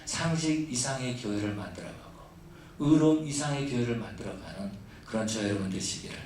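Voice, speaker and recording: A man's voice: mid-range voice, lively intonation, a little fast, a little mellow, slight background noise. A man preaching a sermon as pastor, breaking from plain storytelling into fervent, prayer-like appeals. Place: church sanctuary. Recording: echoey church hall from far off.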